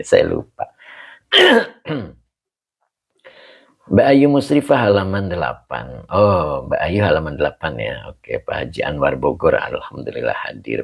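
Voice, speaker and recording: A man's voice: a bass voice, vocal fry, husky. A man leading a casual online religious class, chatty, greeting students by name and laughing often, heard over a video call. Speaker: religious teacher.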